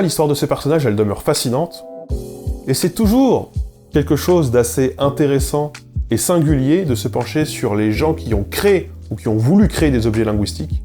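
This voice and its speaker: A man hosting an educational channel, delivering scripted narration in a brisk way with wry, ironic asides. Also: mid-range voice, warm tone. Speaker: YouTube linguistics host.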